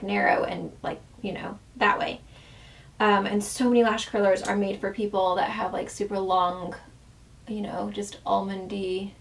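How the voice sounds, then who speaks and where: Recorded roughly on a distant mic, this woman has a creaky, medium-pitched voice. Once a makeup artist, she talks through a makeup tutorial in a casual, filler-heavy way, and her failing voice cracks often.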